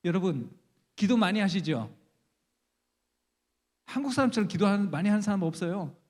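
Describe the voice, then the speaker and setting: A man's voice: sits high, lively intonation, normal speed, darkish tone. Chatty male lecturer in a ringing chapel. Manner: chatty, asks the audience questions, humorous. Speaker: guest lecturer at a church Bible conference. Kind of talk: conversational Bible lecture. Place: large church chapel. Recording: reverberant church chapel.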